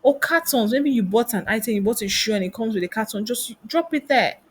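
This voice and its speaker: Brief: woman career coach, husky and fairly high voice, preachy rhetorical teaching. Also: lively intonation, a little fast. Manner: asks many rhetorical questions. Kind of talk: motivational teaching talk.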